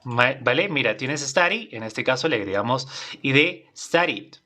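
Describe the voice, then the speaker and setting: Bright-voiced man teaching a class. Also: medium pitch, animated, moderate pace. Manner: patient, repeats phrases, checks in with "¿vale?". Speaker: English teacher. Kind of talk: online English class for Spanish speakers.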